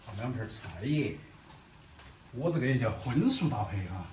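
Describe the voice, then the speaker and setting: A middle-aged man with a Southwestern Mandarin accent gives casual, personal vlog talk. His voice is medium in pitch and comes from a little way off the mic. The room echoes, with noise behind him. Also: big pitch swings, normal speed, a little mellow, distant mic. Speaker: vlogger.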